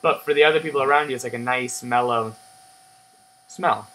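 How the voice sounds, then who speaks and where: A young man giving a casual, rambling review in a halting way that trails off, recorded on a webcam in a living room. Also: medium pitch, bright, forceful tone. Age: young adult. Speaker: pipe tobacco reviewer. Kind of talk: casual unscripted review chat. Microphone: webcam at desk distance. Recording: humming, noisy webcam audio.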